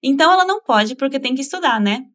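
A woman teaching a spoken language lesson, patiently modeling phrases slowly for the listener to repeat. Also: high voice, expressive, fairly bright tone.

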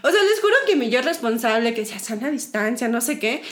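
A young Mexican woman telling a dating story in a casual podcast chat, animated and giggly, acting out her own lines. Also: fairly high pitch, quick pace. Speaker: podcast co-host.

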